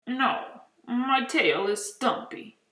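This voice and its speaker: A woman's voice: fairly high pitch, animated, very slow, sharp tone, roomy sound, far from the mic, voice pushed up, full character voice. A woman voicing a big, scruffy, slobbering boy monster who slurps and tries to sound scary. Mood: casual.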